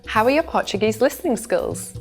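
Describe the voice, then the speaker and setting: A woman's voice: a little high, animated, moderate pace, faint music behind. A woman hosting a language quiz video, addressing viewers in an upbeat way. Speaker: host. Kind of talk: video lesson presenting.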